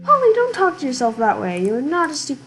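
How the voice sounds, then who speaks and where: A woman's voice: high-pitched, wildly swooping pitch, fairly quick, a bit bright, faint music behind, low-quality recording. A woman streamer giving casual let's-play commentary, chatty and giggly, thinking aloud with the hiccups.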